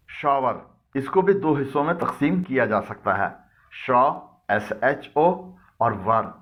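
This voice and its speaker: A man narrating a scripted English lesson in Urdu, speaking slowly and deliberately and spelling words out letter by letter. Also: on the low side, highs cut off. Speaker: English teacher.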